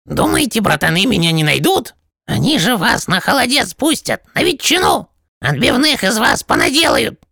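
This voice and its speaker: A woman voicing a brash, cocky young piglet in a storybook, shrill and swaggering. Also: big pitch swings, moderate pace, vocal fry, a bit bright, husky, no room sound, studio quality, exaggerated voice. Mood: brash threats.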